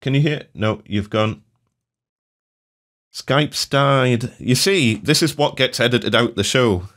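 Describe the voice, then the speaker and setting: A man's voice: medium pitch, takes it slowly, a bit bright. A man co-hosting a podcast, talking in a chatty, explaining way over a video call. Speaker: podcast co-host. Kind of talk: casual chat.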